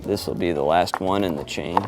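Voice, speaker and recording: With music playing in the background, a laid-back man talks in a low, fairly quick voice. He's a sound engineer vlogging his setup, chatting informally while running mic checks.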